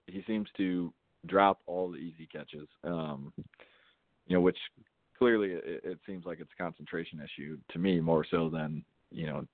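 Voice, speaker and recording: Low voiced guy calling in over the phone, sounds tinny and dry, laid back fan chat. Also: dry recording. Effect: heard over a phone line. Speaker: radio call-in caller. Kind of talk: casual sports fan chat.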